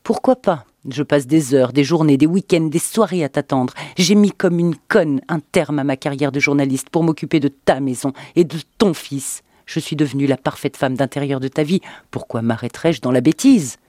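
A man voicing a bitter, furious wife in an audiobook, with a sarcastic, shouting delivery. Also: fairly high pitch, normal speed, hardly any pauses, no room sound, clean studio sound, lightly acted. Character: bitter, furious wife, woman in her thirties. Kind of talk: dramatic audiobook reading.

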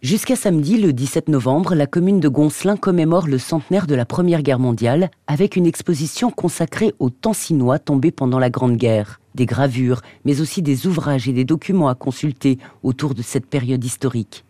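Male radio presenter reading fiction aloud; measured, mellow, dry booth sound. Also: mid-range voice, no room sound. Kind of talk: reading a novel excerpt aloud.

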